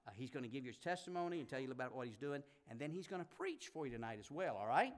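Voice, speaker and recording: A man's voice: medium pitch, sing-song, racing. Folksy man introducing a guest preacher. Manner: folksy, self-deprecating. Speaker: pastor introducing a guest speaker. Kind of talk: church introduction.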